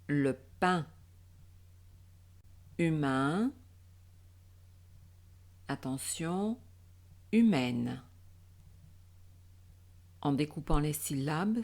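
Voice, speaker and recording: A woman teaching French nasal vowels, saying words slowly and breaking them into syllables. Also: deep voice. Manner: slow, deliberate, syllable by syllable. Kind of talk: slow pronunciation drill.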